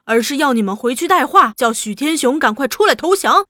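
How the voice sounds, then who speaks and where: Brief: sly male bandit underling, goading and loud, played by a woman narrator. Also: high-pitched, expressive, a little fast, dry recording, studio quality.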